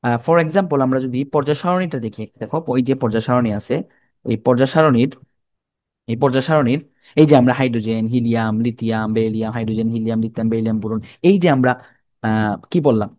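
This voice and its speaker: This is a dry recording of a young man with a Bangladeshi Bengali accent giving a chemistry class at a quick pace, his medium-pitched voice darkish in tone. Informal and repetitive, he repeats terms colloquially and fields his own questions to the students.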